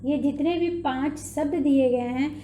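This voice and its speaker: A woman teaches small children in a high, mellow voice, spelling out each syllable slowly and patiently before she draws out the whole word. Her voice rings in a roomy, echoey space. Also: a little hiss or hum. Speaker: preschool Hindi teacher. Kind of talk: slow children's lesson.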